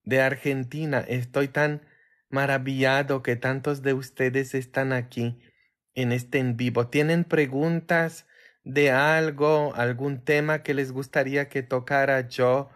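A man from Poland with a Polish accent, a priest chatting casually with viewers on a livestream in a tired, low-key way. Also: little pitch movement, unhurried, fairly bright tone.

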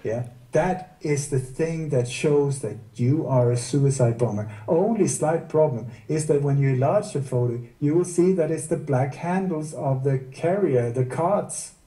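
A man's voice: on the high side, unhurried, few pauses, mellow. A man talking as an interview guest in casual chat, fond of sarcastic rhetorical questions. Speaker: guest researcher. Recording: distant roomy mic.

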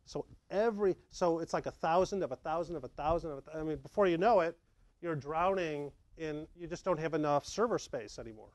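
Chatty and lively, a middle-aged tech presenter with a slightly high voice moves at a fairly quick clip, acting out examples as he talks through meetup slides. The sound is dry and echo-free, recorded in a dark projector-lit meeting room.

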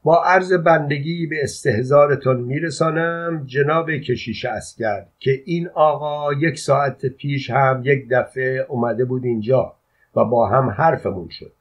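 A man reading an audiobook voices a calm soldier servant who scolds with unruffled, formal politeness. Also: medium pitch, close to an everyday voice. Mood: formally dutiful. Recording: dull lo-fi audio.

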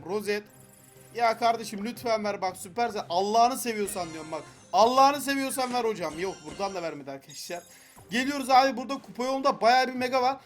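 A young man giving excited gameplay commentary, frustrated and pleading with the game as he opens loot boxes. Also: very high voice. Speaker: gaming YouTuber.

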